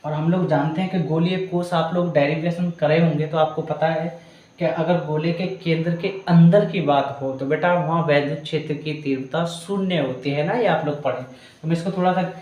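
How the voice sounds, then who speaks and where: A man's voice: on the high side, steady tone, moderate pace, a little mellow, dull audio. A man teaching physics, working a problem step by step and calling students "beta". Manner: calls students "beta", walks through each step. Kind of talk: step-by-step problem solving lesson. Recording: very echoey room.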